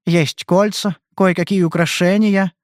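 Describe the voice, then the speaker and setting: A man reading an audiobook, voicing a frightened young woman who pleads in a soft, trembling way. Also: high voice, steady tone, a little slow, dry recording, clean studio sound, voice pushed up. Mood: meek.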